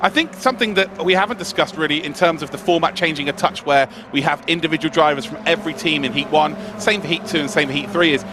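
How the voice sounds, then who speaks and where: A man with a fairly high voice gives live motorsport commentary as the analyst. He talks very quickly, in a conversational, enthusiastic way. Vehicle noise is clearly audible behind him. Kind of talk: live esports sim racing analysis.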